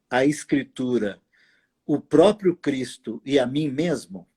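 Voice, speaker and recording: A man hosting a late-night live video chat from his apartment, speaking slowly and deliberately with long pauses and fillers. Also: mid-range voice, mellow, breathy edge. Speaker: host. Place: apartment at home.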